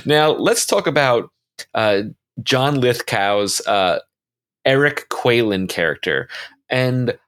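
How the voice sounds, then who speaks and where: A man's voice: medium pitch, animated, slow, fairly bright tone. A man co-hosting a casual movie review podcast, giving blunt, emphatic opinions. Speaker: podcast co-host.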